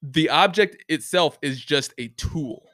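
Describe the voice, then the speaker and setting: A man's voice: on the high side, lively intonation, unhurried, a bit bright, dry recording, clean studio sound. A man ranting casually, rambling with many restarts and fillers and swearing freely. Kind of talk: casual rant to camera. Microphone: close mic, bumped once.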